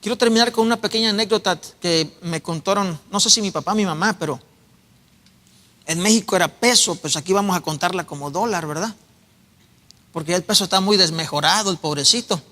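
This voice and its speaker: Pastor preaching, high ringing voice, earnest storyteller, big church echo. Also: male voice, brisk, pushed and bright. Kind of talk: sermon. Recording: echoey church hall.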